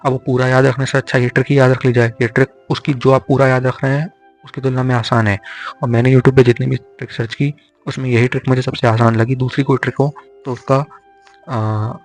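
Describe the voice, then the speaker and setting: A young man tutoring for an exam, slowly drilling memory tricks syllable by syllable. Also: mid-range voice. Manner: slow repetitive drilling of syllables. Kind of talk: explaining Hindi poetics mnemonics. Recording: faint music behind.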